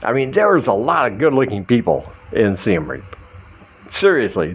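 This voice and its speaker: American man, middle-aged, tipsy, slow and halting, swooping pitch, self-deprecating joker, rambling vlog monologue. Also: dull audio. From Michigan, United States. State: slightly drunk. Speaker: vlogger. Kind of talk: rambling comic monologue to camera.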